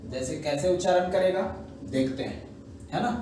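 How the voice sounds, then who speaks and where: Guy teaching shorthand class, highish voice, far off mic, big echo, bit of hiss. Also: lively intonation, a little mellow. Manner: slow, repetitive teaching with frequent "है ना" and "ठीक है" checks. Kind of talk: classroom lesson explaining shorthand. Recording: echoey room, mic at a distance, faint background noise.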